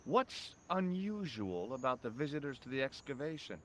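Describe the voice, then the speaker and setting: A man voicing a wry, curious young hero in a video game, questioning people with a lively delivery. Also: medium pitch, normal speed, a little hiss or hum. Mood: probing.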